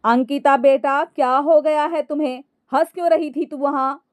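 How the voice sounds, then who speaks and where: A woman's voice: high-pitched, steady tone, moderate pace, no echo, studio quality, voice pushed up, natural voice. A woman doing a scolding mother-in-law. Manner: scolding, exasperated. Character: fussy middle-aged mother-in-law.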